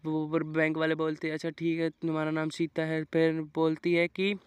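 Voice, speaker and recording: A man's voice: on the high side, monotone, a little fast, clear, resonant tone, no room sound. A man casually retelling a film's plot, rambling with fillers and placeholder words. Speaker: movie plot narrator. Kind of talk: casual movie recap storytelling. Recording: dull lo-fi mic, dry.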